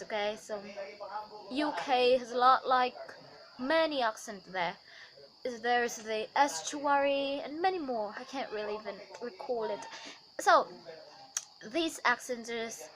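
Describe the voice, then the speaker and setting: A woman's voice: fairly high pitch, rough recording. A young woman giving a casual vlog lesson on pronunciation, chatty, with many fillers and self-corrections. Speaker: accent tutor.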